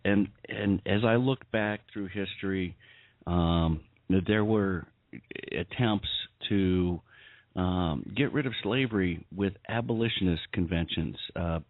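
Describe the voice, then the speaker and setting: A male guest advocate on a radio show, speaking earnestly and in a measured way. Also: sits low, no echo. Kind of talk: earnest call-in talk. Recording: dry tinny phone line.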